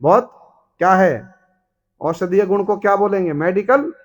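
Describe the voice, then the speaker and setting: A man's voice: high voice, expressive, a little slow. A man preaching a devotional storytelling sermon, often asking his listeners rhetorical questions and briefly voicing the characters. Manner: asks the audience rhetorical questions, acts out characters.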